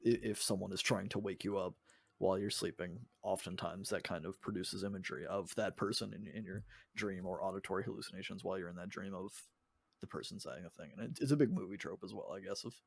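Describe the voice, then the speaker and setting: Man, low husky voice, gravelly, dry close mic, casual podcast chat. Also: dry recording. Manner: thoughtful, halting restarts. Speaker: podcast co-host. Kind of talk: casual chat about music.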